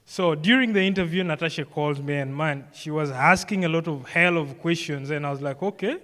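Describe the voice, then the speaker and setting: Fairly quick and fairly high-pitched, with a pushed, bright voice, a young Ugandan man delivers an informal personal speech on stage as a programme graduate. The event hall sounds reverberant, and his conversational storytelling is sprinkled with "you know" and "like."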